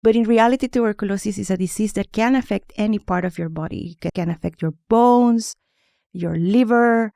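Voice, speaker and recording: Gravelly-voiced woman. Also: medium pitch, fairly quick, dark tone, no room sound, clean studio sound. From Honduras. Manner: careful, explanatory, with small restarts. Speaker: guest expert, microbiologist. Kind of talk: podcast interview.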